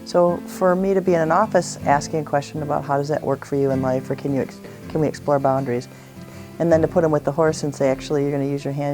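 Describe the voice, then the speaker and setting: A woman therapist explaining her work with horses in an earnest, reflective way. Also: sits low. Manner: earnest, reflective, storytelling with quoted dialogue. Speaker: equine therapist. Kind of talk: explanatory interview talk.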